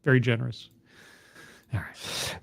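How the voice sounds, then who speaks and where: In a creaky, level-toned voice of medium pitch, a little slow, a man comments casually on a video during a live stream. He makes wry, skeptical asides and thanks those in the chat.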